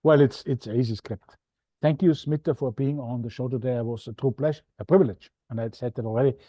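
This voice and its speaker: A man with an Austrian accent hosts an interview podcast, signing off in a chatty, slightly self-deprecating way. His voice is medium in pitch, fast and dark-toned, with no echo, and the recording sounds dull, dry and lo-fi.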